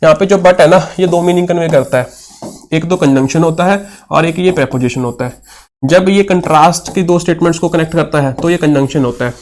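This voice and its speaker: A man's voice: fairly high pitch, darkish tone. A young man teaching English for an exam, patiently explaining answers and asking and answering his own questions. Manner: mixes Hindi with English terms, reads questions slowly. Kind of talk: exam-prep lesson, solving questions aloud.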